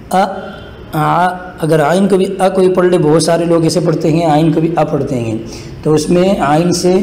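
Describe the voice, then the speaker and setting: A man teaches a recorded lesson with a mellow, slightly raised voice and stretches each letter sound. He speaks with patience. A long reverb from the room hangs on every word, over a faint ambient hiss. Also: on the high side. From Pakistan. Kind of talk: recorded Quran-reading lesson for children.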